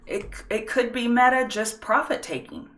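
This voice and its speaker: A middle-aged woman hosts a live stock market stream, offering casual market analysis and chatting with viewers in a folksy way. Her voice is a little high, animated and a bit bright, at normal speed. She's set back from the mic, with a roomy echo.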